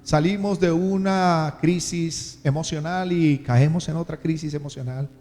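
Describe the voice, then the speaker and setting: A man's voice: a little high, fairly even intonation, measured pace, darkish tone. A male pastor preaching a sermon, repeating emotional questions over and over. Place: church hall. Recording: long church reverb with music behind.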